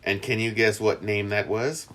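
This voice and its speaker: A man's voice: moderate pace, a little hiss or hum. A man co-hosting a podcast in casual chat, rambling with fillers and restarts. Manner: rambling, many fillers and restarts, lively pitch. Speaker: podcast co-host.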